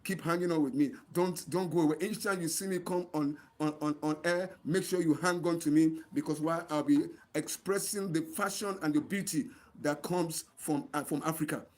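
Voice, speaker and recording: A channel host and NGO advocate from Delta State, Nigeria, speaks earnestly to viewers in a livestream monologue, repeating himself for emphasis. His Nigerian-accented voice is fairly high and fairly even in intonation, at a moderate pace with few pauses.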